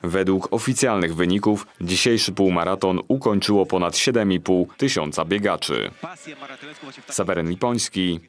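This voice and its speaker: Male news reporter, very low voice, steady measured narration.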